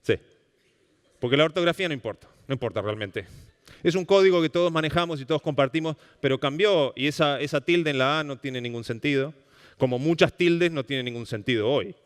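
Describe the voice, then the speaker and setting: A man with an Argentine Rioplatense accent giving a public lecture, animated and often checking in with the audience. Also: on the high side, a little fast, clear, resonant tone. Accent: Rioplatense Spanish. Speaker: speaker giving a public talk on language. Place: lecture hall at a cultural center. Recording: long reverb of a hall.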